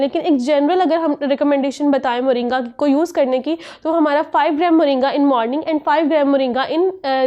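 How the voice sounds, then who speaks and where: Woman, high-pitched, informative health talk, lists points one by one. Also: darkish tone, dull audio. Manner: explanatory, many English terms mixed in, lists items one by one. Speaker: health show guest speaker.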